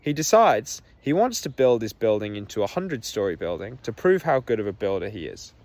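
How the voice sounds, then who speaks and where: This podcast host records alone outdoors while walking, his fairly quick, very animated delivery carried by a lowish, darkish voice. The monologue is frank and emotional, peppered with frequent "like" fillers.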